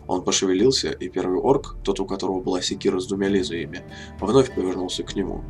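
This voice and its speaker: A man reading a fantasy novel aloud as narrator, in a steady, measured way. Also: deep voice. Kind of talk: audiobook narration. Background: faint music.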